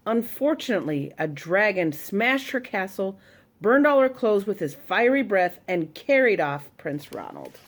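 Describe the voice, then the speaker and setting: A woman telling a children's story to a congregation, expressive and animated. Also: mid-range voice, a little slow. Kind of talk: reading a children's story aloud.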